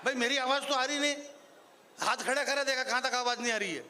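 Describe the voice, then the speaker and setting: Man, stage poet, from Marwar, high pitch, faint background noise, stage mic. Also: quick pace. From Marwar, Rajasthan. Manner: joking asides, then rising declamation. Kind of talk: live poetry recital with banter. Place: stage at a live event. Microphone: stage microphone.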